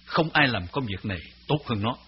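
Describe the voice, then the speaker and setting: A man reading his memoir aloud as narrator, in a grave, measured storytelling voice. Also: mid-range voice, animated, noisy background. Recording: slightly dull recording with faint music.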